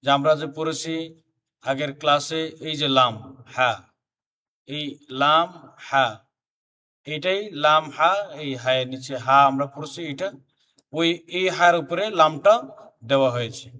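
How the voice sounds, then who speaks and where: Slow, higher-voiced man teaching letters. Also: steady tone, bright, forceful tone, recorded from a distance. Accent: Bangladeshi Bengali. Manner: recites letter names one by one in a chanting rhythm, then explains. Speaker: Quran reading teacher. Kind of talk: recorded beginner class.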